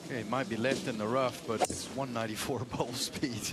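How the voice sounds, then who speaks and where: A man's voice: medium pitch, fairly even intonation, brisk. A man giving casual live golf commentary, reacting to shots. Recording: loud outdoor noise, uneven distance. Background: loud outdoor ambience.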